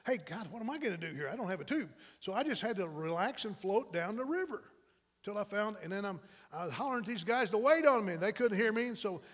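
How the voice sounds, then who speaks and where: High-voiced pastor in a reverberant hall. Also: male voice, pushed and bright. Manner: conversational and anecdotal, with frequent restarts. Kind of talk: sermon. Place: church sanctuary.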